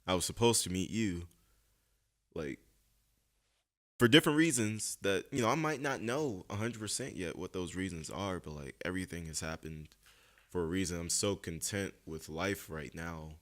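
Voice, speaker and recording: Very deep-voiced earnest young man. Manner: earnest, reflective, speaks slowly with many fillers. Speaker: podcast host. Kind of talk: casual chat.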